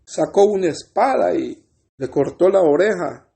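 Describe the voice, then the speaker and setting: A man's voice: sits high, animated, a little slow, creaky, warm tone. A man from El Salvador with a Salvadoran Spanish accent, preaching an earnest sermon and addressing his listeners as brothers.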